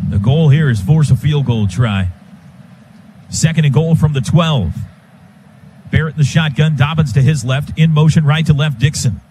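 On the high side and at a moderate pace, an American man broadcasts live football play-by-play for radio. Speaking in clipped phrases that trail the action, he calls the game from a stadium booth over loud surrounding crowd noise.

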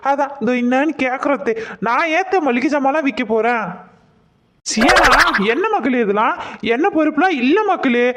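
A woman's voice: sits high, moderate pace, fairly bright tone, a little hiss or hum. A woman playing a meek young daughter-in-law who pleads and placates, in a comic skit. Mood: pleading.

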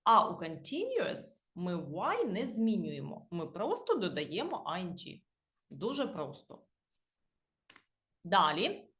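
A woman's voice: lowish voice, huge pitch swings, takes it slowly, fairly bright tone, echoey room. A woman with a Ukrainian accent, an English teacher who explains grammar to beginners patiently, spelling out word endings letter by letter.

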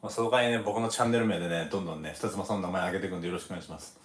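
Fast-talking man hosting a casual livestream. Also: sits low, echoey room. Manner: relaxed, chatty, laughs often, frequent ね fillers. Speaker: livestream host, former baseball pitcher. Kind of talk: casual live chat reading viewer comments.

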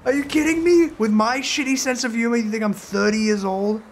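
A man in his twenties live-streaming a strategy game, rambling and swearing with excitable casual commentary. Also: extremely high pitch, brisk, slight background noise. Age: 20s.

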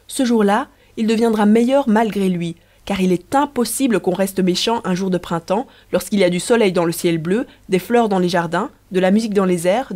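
A woman voicing a playful, scheming young empress who speaks in a lively, persuasive, teasing way. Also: mid-range voice, lightly acted.

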